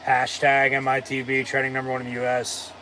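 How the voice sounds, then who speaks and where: American male host, mid-pitched, sardonic live reaction talk, faint hiss behind. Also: completely flat delivery, brisk, pushed and bright. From United States. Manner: wry, sarcastic, swears casually. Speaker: watch-along host. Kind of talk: casual live reaction commentary.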